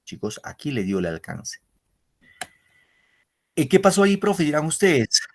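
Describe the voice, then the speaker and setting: A man's voice: fairly high pitch, sing-song, a little slow, slight background noise. A man teaching an online literature class, explaining step by step and often checking in with his students.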